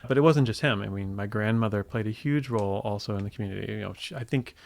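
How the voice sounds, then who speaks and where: Gravelly and fairly low-pitched, this man talks at a quick pace. An Indiana native in his forties who co-founded a tech company, he answers interview questions in a relaxed, reflective, conversational manner, restarting sentences again and again.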